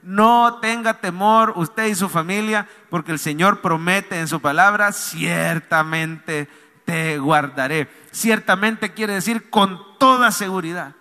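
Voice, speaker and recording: A man's voice: high voice, unhurried, hardly any pauses, pushed and bright. A man, a pastor preaching a sermon with call-and-response, pleading and emphatic, in a church hall. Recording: long hall reverb.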